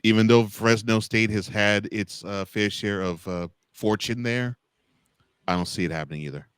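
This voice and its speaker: Male American sports co-host, deep voice, dry sound, casual football talk with emphatic repetition. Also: moderate pace, clean tone, dry recording. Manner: repeats words and phrases for emphasis. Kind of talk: casual college football discussion.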